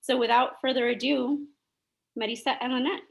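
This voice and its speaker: A woman's voice: high-pitched, steady tone, moderate pace, creaky. Upbeat woman hosting a session. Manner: enthusiastic, upbeat. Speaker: session host. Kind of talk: event introduction.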